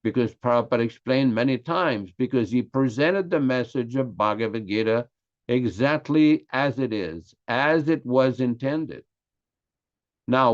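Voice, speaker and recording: A mid-range voice belongs to an older Québécois man from Quebec, Canada, French being his first language. As a religious class speaker, he delivers a scripture lecture earnestly and emphatically, lingering slowly on key words. Sound quality is slightly dull and lo-fi.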